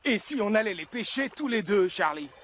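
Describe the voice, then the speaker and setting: A man voicing a calm, dependable, reassuring heroic fireman in a French cartoon dub. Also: high-pitched, fairly quick, long reverb tail, slight background noise. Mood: friendly. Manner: reassuring, in command.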